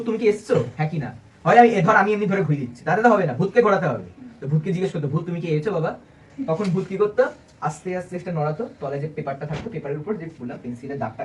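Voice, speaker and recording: A high-pitched man with a darkish tone gives a chatty, informal presentation to a small group of friends indoors, asking them things and cracking jokes as he explains. He's a young student, recorded on a distant mic with light room noise.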